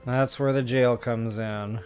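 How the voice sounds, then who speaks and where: Slow-talking man casually playing a game. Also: medium pitch, steady tone, a little mellow, faint music behind. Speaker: gamer. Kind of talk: casual gameplay commentary.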